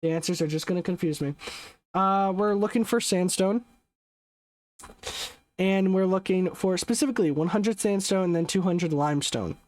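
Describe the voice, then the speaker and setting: Chatting through live gameplay, this young adult streamer wanders from thought to thought, fixing their own words and dropping casual swears. Their mid-range voice has a darkish tone at a moderate pace, recorded dry.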